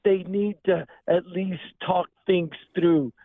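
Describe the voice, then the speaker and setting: A man's voice: sits high, fairly even intonation, slow, dry recording. Earnest 60-year-old man over the phone. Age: 60s. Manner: earnest, heartfelt. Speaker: caller. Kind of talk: call-in radio chat. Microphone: telephone. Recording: tinny phone line.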